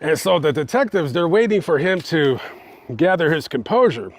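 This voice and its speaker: A man's voice: fairly high pitch, big pitch swings, moderate pace, no echo. Man telling a true-crime story casually. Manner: conversational, many fillers, addresses viewers. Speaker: true-crime channel host. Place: on location outside a house.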